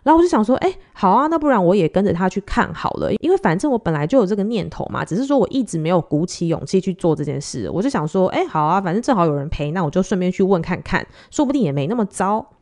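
A woman's voice: lowish voice, fast talker, hardly any pauses. A woman in her late thirties with a Taiwanese Mandarin accent, hosting a podcast and telling a personal story in a chatty way, acting out the lines of the people in it. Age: late 30s. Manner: chatty, animated, acts out quoted dialogue. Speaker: podcast host. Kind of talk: casual storytelling monologue.

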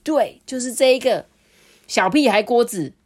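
A woman reading a picture book aloud to her child, lively and playful, stopping to ask questions. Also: on the high side, unhurried.

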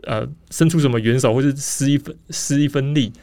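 A man's voice: medium pitch, fairly quick, dark tone, a little hiss or hum. A man with a Taiwanese Mandarin accent hosting a casual podcast in a rambling, explanatory way, slightly muffled by a face mask. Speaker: podcast host.

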